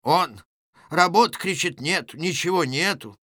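A man reading a play aloud, voicing an old wanderer who talks in a gentle, folksy way. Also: fairly high pitch, animated, unhurried, dry recording, clean studio sound, exaggerated voice. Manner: soft, folksy.

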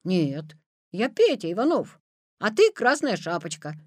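Woman playing a loud bossy schoolboy, raised voice, commanding, storybook. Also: mid-range voice, very animated, a little slow, dry recording, clean studio sound. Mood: urgent. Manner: shouting, commanding. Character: bold, bossy young schoolboy.

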